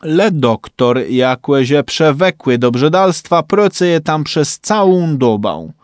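Brief: an unhurried Kashubian male storyteller, dry close recording. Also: on the high side, animated, dry recording. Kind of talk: reading a folk tale aloud.

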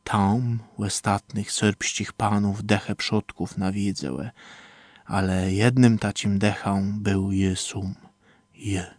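A man narrating a first-person story in a measured, low-key way. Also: fairly even intonation, no room sound, studio quality.

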